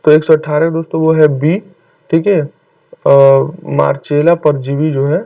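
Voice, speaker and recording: A man's voice: on the high side, flat delivery, unhurried, gravelly, dry recording. A man tutoring for an exam, reading out quiz questions and answers and saying "okay, friends" after each one. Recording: tinny, distant phone-like mic.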